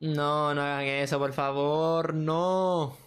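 A man giving casual reaction commentary, excitable and teasing the characters on screen. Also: a little high, slow, smooth. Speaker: anime reaction channel host.

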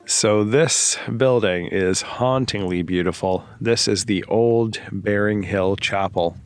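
A man's voice: lowish voice, slow, music in the background. A man giving casual, conversational walking commentary as a travel vlogger, outdoors among ruins. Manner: chatty and conversational, with filler like "you know" and "like".

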